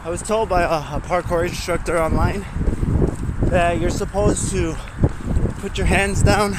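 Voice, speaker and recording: A man's voice: high voice, steady tone, unhurried, very noisy. A man rambling casually to a livestream, blunt and sweary, with exasperated asides. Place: outdoors.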